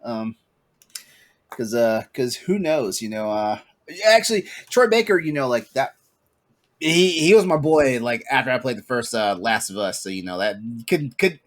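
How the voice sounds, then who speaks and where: A man hosting a casual gaming podcast, chatty and excitable, with many fillers and bursts of laughter. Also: mid-range voice, normal speed. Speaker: podcast host.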